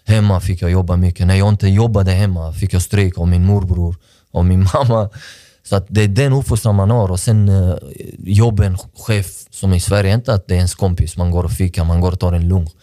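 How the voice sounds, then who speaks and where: This deep, mellow male voice keeps a steady tone, with clean studio sound and no echo. A sports director on a podcast, he talks personally about his history in a sincere, thoughtful manner, often beginning sentences again; his first language isn't Swedish.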